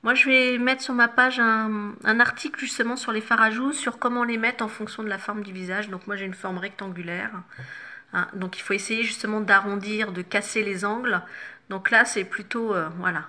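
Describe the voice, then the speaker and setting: Woman makeup vlogger, chatty and loose, bright forward tone, lots of fillers and restarts. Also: mid-range voice, fairly even intonation, moderate pace. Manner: chatty, many fillers and self-corrections. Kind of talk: casual makeup tutorial chat. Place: home, no studio lighting.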